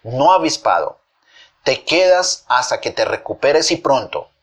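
A caring mother bee, gentle but firm with her lazy son, as a man telling the story puts her on. Her voice sits a little higher than the narration, in a storybook manner. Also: expressive, measured pace.

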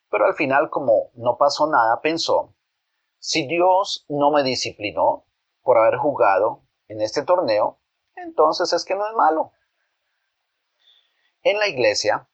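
A man tells a children's Bible story in a medium-pitched voice, turning to the young listeners with questions now and then. The recording is dull and lo-fi. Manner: addresses the children directly with questions.

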